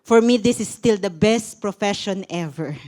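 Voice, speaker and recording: A woman's voice: mid-range voice, a little slow, mellow. A woman pastor preaching a sermon to a congregation, telling her own story expressively and mixing Tagalog with English. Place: church service before a congregation.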